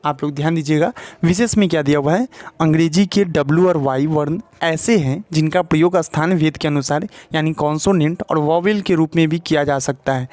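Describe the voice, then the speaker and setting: A male teacher with a Hindi accent walks the viewer through a spoken English lesson at a board. His voice sits fairly high, and he keeps checking in and asking questions as he explains. The sound is dry and close, with no room echo. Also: darkish tone. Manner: explains step by step, often adds "ठीक है" and asks questions to the viewer.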